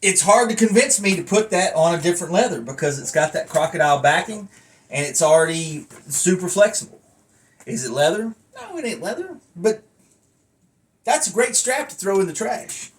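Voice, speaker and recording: Expressive and pitched high, a man speaks at a moderate pace in a loose, rambling review of his hobby. He's folksy and self-deprecating with casual swearing, recorded on a phone held away from him amid a lot of noise.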